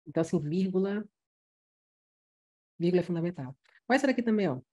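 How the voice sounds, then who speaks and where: A woman teaching grammar in a playful, chatty way, slightly hoarse from coughing. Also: fairly low pitch, expressive, fast, dark tone. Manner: playful, chatty, teasing asides. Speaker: Portuguese writing teacher. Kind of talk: casual, humorous grammar lesson.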